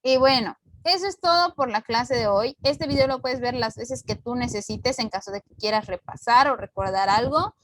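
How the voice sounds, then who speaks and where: High-voiced woman teaching a recorded class. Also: moderate pace, hardly any pauses, a bit bright, dry recording, low-quality recording. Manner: clear, patient explaining with example sentences. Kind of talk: recorded online grammar lesson. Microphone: computer mic on video call recording.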